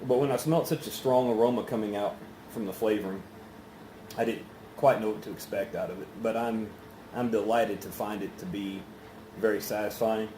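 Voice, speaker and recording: Man, mellow dark tone, casual review chat, halting and unhurried, roomy echo, faint background noise. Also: lowish voice. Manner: unhurried, rambling, halting delivery with pauses. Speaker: pipe tobacco reviewer.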